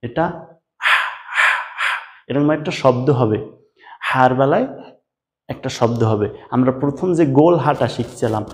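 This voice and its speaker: Calling the viewer brother, a male Quran recitation teacher patiently leads a step-by-step drill of letter sounds, repeating each and inviting the listener to copy him. His medium-pitched voice is expressive, a little mellow and unhurried, with long pauses throughout this slow lesson.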